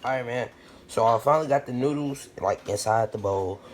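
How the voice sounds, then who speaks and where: A young American man with a mid-range voice speaks fairly quickly as he narrates a home cooking vlog. He chats in slang and says things more than once, and the kitchen recording is noisy, with clicks audible.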